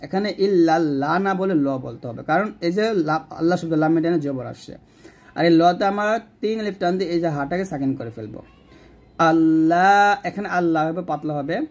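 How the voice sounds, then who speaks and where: A man teaching Quran reading, explaining rules patiently and drawing out slow recited examples. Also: a little high, darkish tone. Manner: patient step-by-step explanation, asks and answers own questions.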